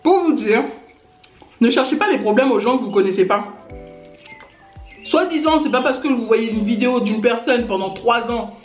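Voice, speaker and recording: A woman from Gabon rants to her YouTube camera with indignation, speaking right to her critics and using lots of fillers like "hein" and "genre." Her voice is a little high, her speed normal, and she pauses often. Echo and faint music come through the room.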